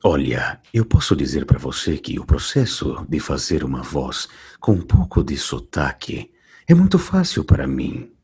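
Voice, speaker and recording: A man voicing a gruff male game agent with a foreign accent, slow and measured, in a very deep gravelly voice. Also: sing-song, darkish tone, full character voice. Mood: calm. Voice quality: gravelly, very low.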